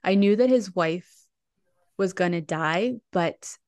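A woman's voice: fairly low pitch, slow pace, darkish tone, no room sound, clean studio sound. A woman co-hosting a podcast, recapping a musical in casual, rambling chat full of restarts. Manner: chatty, lots of "like" and restarts. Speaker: podcast co-host.

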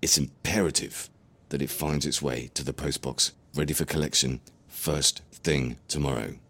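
A man's voice: a bass voice, steady tone, moderate pace, a bit bright, full character voice. A man voicing an elderly grandfather who tells a rambling, earnest tale. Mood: conspiratorial. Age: older. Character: chatty elderly grandfather, injured golfer.

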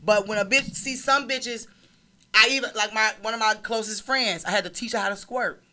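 A woman's voice: on the high side, a little fast, sharp tone, a little hiss or hum. A woman in her forties, co-hosting a casual group talk, blunt and teasing, laughing often. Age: 40s. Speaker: podcast co-host.

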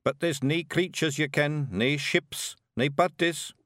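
A man's voice: on the high side, measured pace, a bit bright, no echo, studio quality, pitched above the performer's own voice. Rob Anybody, a man doing a bossy Scottish fairy chief. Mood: scheming. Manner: gruff, blunt, commanding. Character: tough little male fairy clan leader, bossy.

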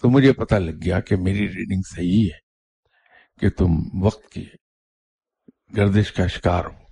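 A man voicing a kindly, wise old king who explains patiently in a measured way. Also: sits low, gravelly, mellow, husky, no room sound, full character voice. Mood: reassuring.

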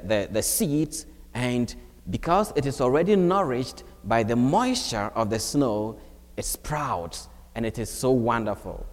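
A Ghanaian priest delivers a homily at Mass, preaching slowly and deliberately with wide swings in pitch. The long reverb of the church hangs on every word.

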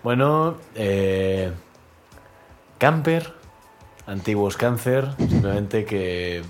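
A man's voice: on the low side, expressive, moderate pace, a little mellow, soft background music. A man co-hosting a comedy podcast, teasing his partner in a dry tone. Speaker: podcast co-host. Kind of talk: casual comedic chat.

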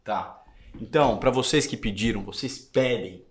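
A man hosting a casual podcast chat in an office studio, loud and teasing, often cutting in. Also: lowish voice, moderate pace, echoey room. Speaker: host. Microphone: studio mic.

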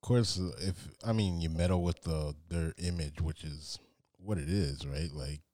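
A man in a casual podcast chat who talks haltingly, searching for his words. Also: low-pitched, dark tone, no echo, studio quality.

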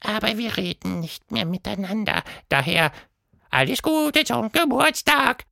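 A storyteller putting on the voice of a playful, mischievous male monster in a children's audiobook, speaking in a squeaky, teasing manner. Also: animated, measured pace, gravelly, bright, forceful tone, no room sound, studio quality, exaggerated voice. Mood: friendly. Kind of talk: storybook reading.

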